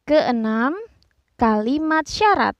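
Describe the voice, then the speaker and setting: A woman narrating a scripted grammar lesson, explaining slowly and carefully and reading out examples. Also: sits high, expressive, no room sound. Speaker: teacher.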